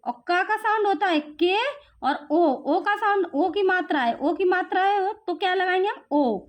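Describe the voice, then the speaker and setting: A woman from India leads a phonics lesson for a young learner. Her voice sits very high, and she takes each sound slowly, quizzing and repeating with steady patience. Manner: slow, patient drilling with repeated questions. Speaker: teacher. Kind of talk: home phonics lesson for parents.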